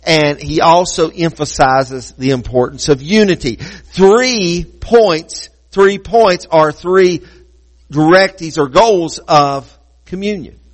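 High-voiced pastor preaching emphatically. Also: male voice, in a large hall, low-quality recording. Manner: emphatic, repeats key phrases slowly; playful asides to congregation. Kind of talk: sermon.

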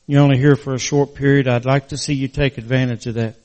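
An older man from West Virginia preaching a church sermon in an earnest, halting, folksy way, his words slightly slurred from a crooked, post-surgery mouth. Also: mid-range voice, fairly even intonation, a little mellow, big-room sound.

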